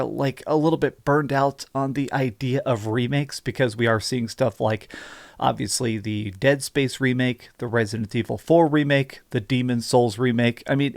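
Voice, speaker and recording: An American man giving enthusiastic gaming news commentary in an excitable, emphatic, gushing way. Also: mid-range voice, creaky, no echo, clean studio sound. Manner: excitable, emphatic, gushing with repeated words and hyperbole.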